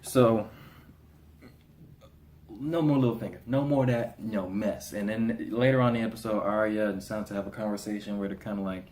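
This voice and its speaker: A man giving a casual spoken review of a TV episode, slangy and animated, slipping into voices for the characters. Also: fairly low pitch, moderate pace, a little hiss or hum. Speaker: TV show reviewer. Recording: roomy echo.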